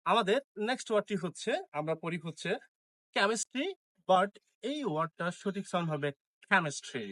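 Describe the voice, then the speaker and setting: High-voiced Bengali-accented man teaching pronunciation. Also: a bit bright, no room sound. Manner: repeats each word slowly and deliberately. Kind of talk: pronunciation lesson in Bengali and English.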